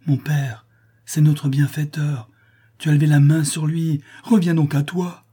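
A man's voice: medium pitch, fairly even intonation, moderate pace, mellow, breathy edge, close to an everyday voice. A man voicing a distressed young woman who pleads emotionally in a storybook reading. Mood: imploring.

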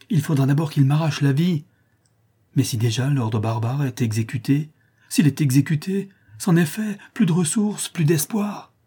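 With a medium-pitched, mellow, slightly rough voice, a male narrator gives an impassioned, dramatic first-person reading of an old French novel for an audiobook.

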